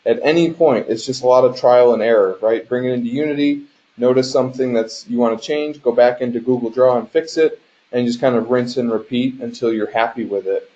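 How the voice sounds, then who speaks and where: Over a shared screen, a male game design instructor lectures a little fast in a mellow, mid-pitched voice. He's explanatory and checks in often with "right?" The sound is muffled, dull, and lo-fi, as expected from a conference call microphone.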